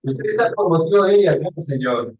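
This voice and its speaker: A man voicing a shrewd, talkative male police investigator who keeps urging the other to calm down. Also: on the high side, a little fast, natural voice. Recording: echoey room.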